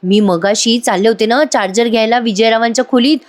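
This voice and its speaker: Woman doing a bossy prying aunt, insistent, somewhat high voice. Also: a little fast, lightly acted. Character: stern nosy older aunt, suspicious, scolding.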